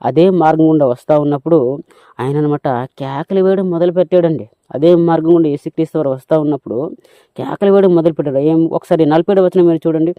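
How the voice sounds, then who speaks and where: A man's voice: a little high, fast, dry recording. A man preaching a sermon in an emphatic, repetitive way, often putting rhetorical questions to his listeners. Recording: dry tinny phone-like sound.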